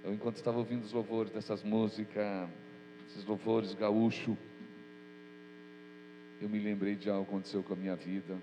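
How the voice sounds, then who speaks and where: Preaching and praying in a church hall, a pastor with a cold sounds nasal and stuffy while speaking in an earnest, informal way. His lowish voice shows little pitch movement; the pace is normal, but he pauses often. Echo and mains hum fill the recording.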